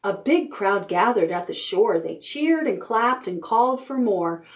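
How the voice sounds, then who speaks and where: This woman, a children's librarian, reads a picture book at a preschool storytime in a medium-pitched voice, expressive and rhythmic, lingering on drawn-out words.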